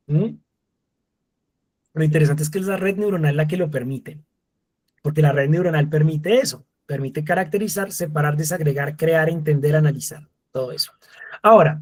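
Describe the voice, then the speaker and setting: A man teaching a live masterclass, animated, who acts out little exchanges with voice assistants. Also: a little high, husky. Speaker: lecturer.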